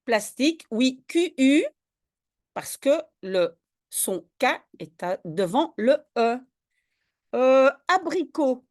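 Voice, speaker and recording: A woman's voice: high-pitched, sing-song, takes it slowly, a little mellow. A woman tutoring a student in French spelling, patiently explaining each word step by step. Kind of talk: one-on-one spelling lesson.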